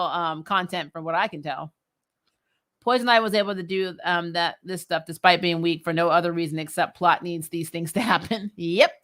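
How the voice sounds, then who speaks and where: Hosting a recap livestream, a woman chats casually while reading and answering viewer comments. She's blunt and opinionated, with an exasperated, giggly manner, and her voice is on the low side with a fairly bright tone.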